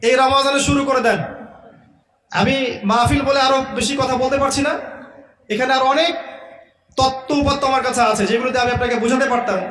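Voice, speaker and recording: A man's voice: very high voice, fairly even intonation, a little fast, pauses often, a bit bright, faint music behind. A man preaching a sermon at a religious gathering, explaining step by step and posing rhetorical questions to the crowd. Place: large hall at a religious gathering. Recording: echoey hall sound.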